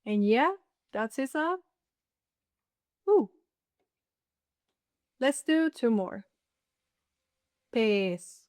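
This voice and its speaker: Lady teaching beginner spanish, says every word twice, real slow, kinda high voice. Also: no echo, clean studio sound. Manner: slow, clear and carefully enunciated, repeating each word. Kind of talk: slow scripted language lesson.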